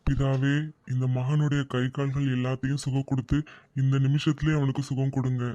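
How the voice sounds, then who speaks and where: A performer voicing Jesus as a calm, kind male healer in a cartoon, praying in a gentle, solemn way. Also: mid-range voice, brisk, no echo, dull audio, natural voice. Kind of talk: cartoon voice acting.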